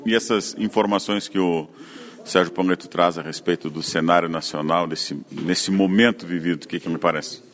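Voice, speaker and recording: A man's voice: deep voice, fairly even intonation, moderate pace. A man hosting a rural radio program, interviewing people on site in a conversational way. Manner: conversational, leading questions.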